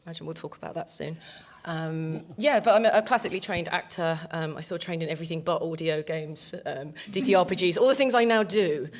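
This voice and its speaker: Woman, actor, gravelly, lowish pitch, wry, self-deprecating, panel talk. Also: brisk. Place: conference stage.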